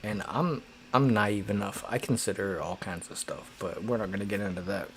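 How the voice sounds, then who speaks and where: A man's voice: on the low side, moderate pace, gravelly, fairly bright tone, a little hiss or hum. A man hosting a casual livestream chat, rambling and joking at his own expense. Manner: rambling, joking, self-deprecating. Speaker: livestream host.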